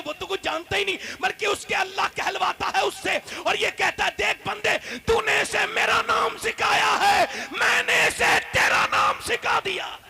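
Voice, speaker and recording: A man preaching an impassioned sermon, telling stories in a hushed voice and rising to loud, shouted appeals with questions to the audience. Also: very high-pitched. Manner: swings from hushed storytelling to loud shouted exhortation.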